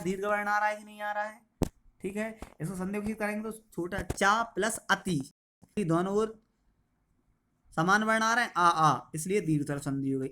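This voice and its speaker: A man teaching a school grammar lesson, asking questions and answering them himself and repeating key terms slowly. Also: sits high, sharp tone.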